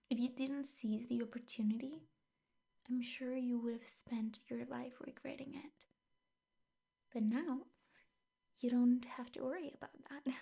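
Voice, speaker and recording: In an intimate ASMR roleplay, a woman plays a possessive yandere teacher girlfriend. Her fairly high voice is very soft, dark-toned and breathy, often sinking to a husky whisper as she coaxes sweetly with menace beneath the doting.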